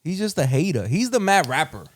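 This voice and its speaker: Podcast co-host, New York man, animated storyteller with a lively, higher voice. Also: a little fast. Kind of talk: casual chat.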